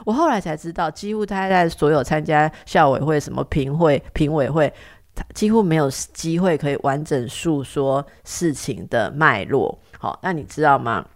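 A Taiwanese woman host, a psychotherapist, recounts a case in lively, chatty talk. Her voice has a gravelly, creaky edge. She keeps asking rhetorical questions and repeating herself. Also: low voice, moderate pace. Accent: Taiwanese Mandarin. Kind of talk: casual conversational storytelling.

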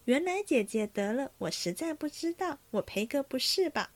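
A woman voicing an eager, cheerful young maid who talks in a lively, pleading way. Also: sits high, moderate pace, pitched above the performer's own voice. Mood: playful.

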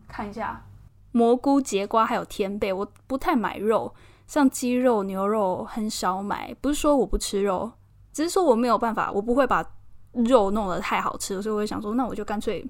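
A woman from Taiwan with a Taiwanese Mandarin accent, chatting casually and expressively as a podcast host, laughing often. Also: mid-range voice. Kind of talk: casual personal chat.

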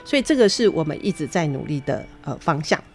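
A woman with a fairly low voice talks through how courses are built, pausing on fillers as she goes. Faint music sits under her speech. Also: big pitch swings. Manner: explanatory, frequent hesitation fillers. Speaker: guest, university digital teaching staff. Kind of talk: conversational interview explanation.

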